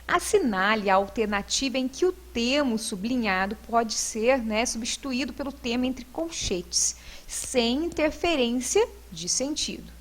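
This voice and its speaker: A woman's voice: on the high side, lively intonation, a little slow. A female teacher with a Brazilian Portuguese accent, going through homework answers in a recorded lesson and explaining each point step by step. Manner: patient, explains step by step with frequent "né".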